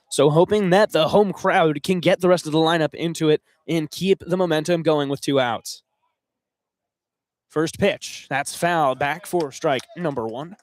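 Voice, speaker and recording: A young man doing play-by-play for a college baseball radio broadcast from a ballpark booth, excitable, with his voice climbing on big plays. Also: a little high, normal speed, no echo. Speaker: play-by-play announcer.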